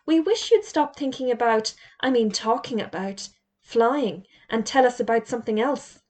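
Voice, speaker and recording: A woman's voice: on the high side, animated, normal speed, darkish tone, lightly acted. A woman voicing a polite, hesitant young schoolboy.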